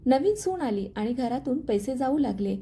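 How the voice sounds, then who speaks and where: A woman's voice: sits high, big pitch swings, moderate pace, warm tone, a little hiss or hum. Woman reading a spiteful scheming sister-in-law. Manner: mocking, spiteful.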